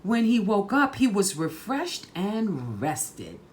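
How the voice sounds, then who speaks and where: A woman reading a children's story aloud in a deliberate, emphatic, dramatic way. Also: mid-range voice, big pitch swings, slight background noise. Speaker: storytime reader.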